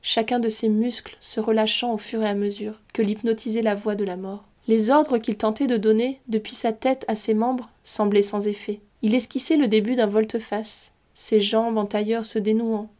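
A woman reading a tale aloud in a measured, expressive way, her voice a little high for a woman yet dark and mellow in tone. She paces the story with care. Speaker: storyteller and host. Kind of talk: storybook narration.

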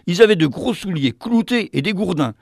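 A man telling a fantastic tale in an expressive, theatrical way. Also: sits high, normal speed, creaky, no echo, clean studio sound. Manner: animated, theatrical. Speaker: storyteller.

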